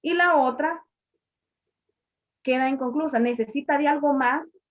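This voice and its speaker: A woman's voice: high voice, measured pace. Patient teacher woman, muffled lo-fi sound. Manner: patient, repeats and rephrases each point. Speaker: English teacher. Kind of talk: classroom grammar explanation. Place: classroom. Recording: muffled lo-fi recording.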